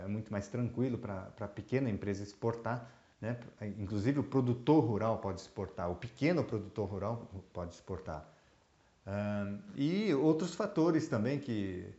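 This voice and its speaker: A man from Brazil talks through mushroom exporting at a middling pitch. He hesitates often and restarts his sentences. The recording is roomy and slightly muffled. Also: mellow. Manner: hesitant, many fillers and restarts. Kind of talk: explanatory talk. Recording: roomy, dull lo-fi sound.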